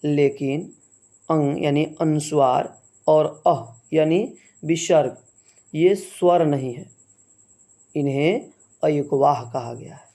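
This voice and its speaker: Slow, mellow-voiced male Hindi teacher. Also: a little high. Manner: slow, measured, repeats "है ना" as a check-in. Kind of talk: slow explanatory lesson.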